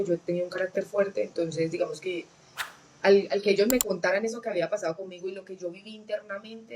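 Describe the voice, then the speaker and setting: A woman's voice: lowish voice, darkish tone, a little hiss or hum, low-quality recording. Earnest woman giving testimony. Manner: earnest, reflective, frequent fillers and restarts. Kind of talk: personal testimony.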